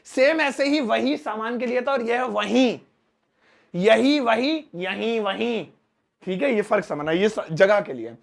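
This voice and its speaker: A man with a high-pitched voice teaches spoken English. He is animated and acts out little student lines. He slows right down when he spells out the English phrases. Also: vocal fry.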